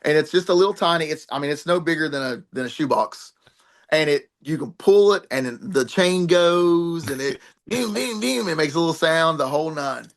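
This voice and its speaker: A middle-aged man who trains wrestlers tells long, rambling stories with plenty of laughter and the odd curse. His voice sits somewhat high for a man. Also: a little fast. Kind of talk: animated storytelling in a podcast interview.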